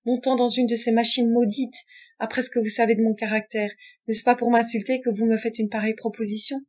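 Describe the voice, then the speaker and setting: Proud quick-tempered samurai guy, read by a woman, forceful and indignant, muffled audio. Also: a little high, level tone, husky. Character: proud old-fashioned male samurai, hot-tempered.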